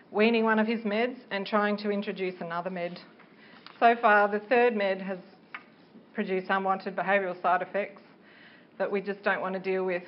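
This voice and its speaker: Woman giving an earnest speech, dull noisy recording. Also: mid-range voice. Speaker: parent campaigner giving a public speech. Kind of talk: prepared public speech.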